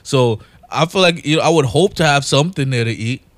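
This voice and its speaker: A man's voice: medium pitch, lively intonation, brisk, no room sound. A man co-hosting a casual chat, easygoing and agreeable, laughing often between lines.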